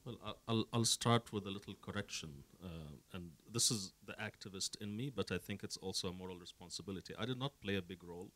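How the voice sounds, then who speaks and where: Deep, earnest man from the Emirates. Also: fast talker, few pauses, fairly bright tone. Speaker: panel guest, activist. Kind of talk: panel discussion answer.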